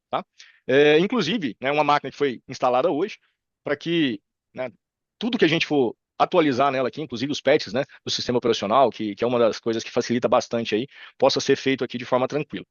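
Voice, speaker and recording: A Brazilian man with a Brazilian Portuguese accent and a mid-range voice runs an informal live screen-share tutorial, demonstrating software quickly and chattily while checking in with listeners. He's in an indoor room on a video call, and the sound is close, dry, echo-free and slightly lo-fi.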